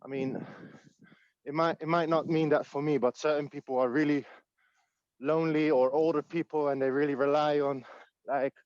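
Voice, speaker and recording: A man talks in a casual group discussion, a little out of breath as he climbs a hill. He pauses often and weighs his words. His voice sits a bit high, and the audio is dry and dull. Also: steady tone, darkish tone, no echo. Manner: thoughtful, hesitant with many ums. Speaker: community group participant.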